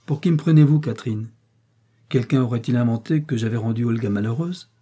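A man reading an audiobook, voicing a domineering, coldly ironic prince with a dark, husky voice. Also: mid-range voice, brisk, close to an everyday voice. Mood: cold, commanding. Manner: commanding, cutting and sarcastic.

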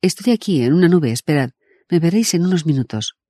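A man voicing a defiant, sharp-tongued young woman in an audiobook, brusque and scornful and quick to swear. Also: fairly high pitch, animated, no echo, clean studio sound, voice pushed up. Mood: flustered. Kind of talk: audiobook character voice.

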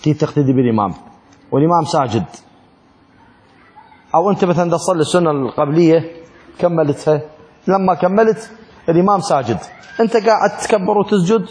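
Brief: male religious teacher, voice a bit on the high side, lecture style with questions and repeated key words. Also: quick pace, pauses often, darkish tone. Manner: asks questions and answers them himself. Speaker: teacher of Islamic law. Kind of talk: religious lesson, explaining a classical text.

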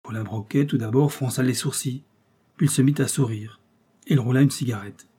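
A man giving steady, measured audiobook narration of a classic novel. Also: medium pitch, slightly rough.

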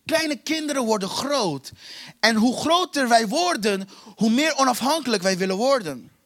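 Male preacher, high voice, impassioned, repetitive, soft then loud. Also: animated, moderate pace. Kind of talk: sermon.

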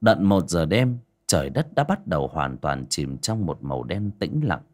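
A man's voice: low voice, sing-song, moderate pace, darkish tone. A man narrating a spooky story as an audiobook, dramatic and building suspense.

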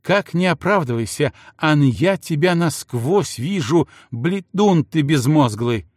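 A man's voice: takes it slowly, vocal fry, breathy edge, no echo, clean studio sound, exaggerated voice. A man voicing a furious jealous princess who screams insults at her husband. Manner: screaming insults, shrill and frantic. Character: furious jealous young princess, shrieking wife.

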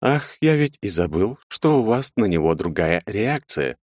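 A man voicing a tall insect-helmed alien man who is calm and polite, with a pleasant, slightly mechanical voice. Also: lowish voice, a little slow, dry recording, clean studio sound, pitched above the performer's own voice. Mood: amused. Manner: calm, polite, quietly threatening.

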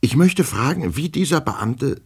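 A man's voice: medium pitch, lively intonation, slightly rough, pitched above the performer's own voice, exaggerated voice. A man voicing a timid, anxious male clerk who stammers and halts over his words. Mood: insistent. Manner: stuttering, halting, full of hesitations.

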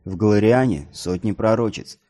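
A man reading an audiobook, voicing a cautious, calm northern elder brother who speaks in a measured way. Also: lowish voice, dry recording, clean studio sound, natural voice.

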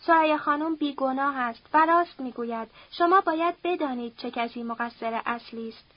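A woman's voice: high voice, dry recording, highs cut off, natural voice. Brief: a woman playing a trembling, timid young man; storybook reading. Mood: fearful.

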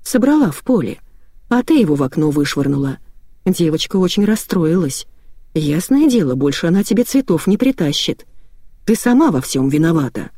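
A woman voicing a weary, stern elderly grandmother who scolds calmly. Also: deep voice, moderate pace, dry recording, studio quality.

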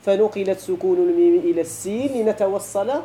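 A man's voice: high voice, steady tone, fairly quick, mellow, slight background noise, rough recording. A middle-aged man with a Moroccan Arabic accent, teaching a grammar class and pressing students with questions. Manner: questioning students, switching to colloquial.

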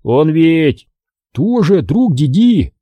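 A man's voice: sits high, very animated, moderate pace, breathy edge, no echo, dull audio, voice pushed up, exaggerated voice. A man voicing a dutiful young male apprentice, reluctant and wry, in an audiobook.

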